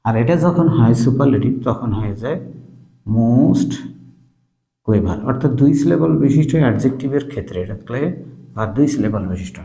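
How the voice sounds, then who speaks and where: A man explaining English grammar in Bengali, speaking slowly with pauses and spelling words out letter by letter. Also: mid-range voice, expressive, gravelly, dark tone, echoey room, rough recording. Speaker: English teacher.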